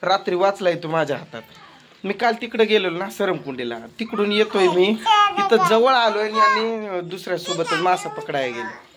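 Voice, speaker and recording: A man's voice: high voice, lively intonation, normal speed, noisy background. A man, chatting at home in a family vlog and teasing and scolding in turns. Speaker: family vlogger. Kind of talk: casual family chat on camera.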